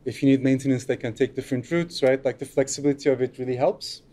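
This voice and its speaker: This conference talk comes from a middle-aged man from Turkey at a lectern in a lecture room. He's a fast talker with a mid-range, mellow voice and flat delivery, and his unscripted, loose speech is full of fillers.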